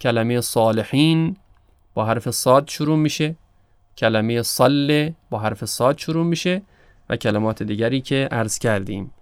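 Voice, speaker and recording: A man's voice: mid-range voice, clear, resonant tone, no room sound, clean studio sound. Man teaching careful pronunciation. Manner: slow, careful demonstration of Arabic letters. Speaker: Quran recitation teacher. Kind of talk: instructional explanation of prayer pronunciation.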